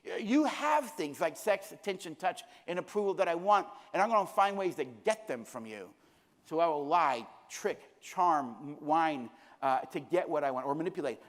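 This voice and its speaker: A man's voice: on the high side, expressive, normal speed. A middle-aged man presenting at a conference, speaking earnestly and repeating phrases for emphasis. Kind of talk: conference lecture. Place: conference hall. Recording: long hall reverb.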